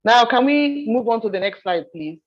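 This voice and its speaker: A woman from Nigeria leading a soft skills training session, telling stories with animated repetition. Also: a little high, moderate pace, muffled recording. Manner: animated storyteller, repeats phrases. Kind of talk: training seminar talk.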